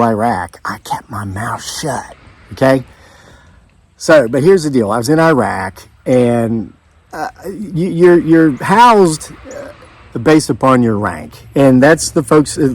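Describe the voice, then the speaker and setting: A man's voice: mid-range voice, a little mellow. A man of fifty telling a rambling personal story in a casual, conversational way, with frequent asides to his viewers. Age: 50s. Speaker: channel host. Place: outdoors.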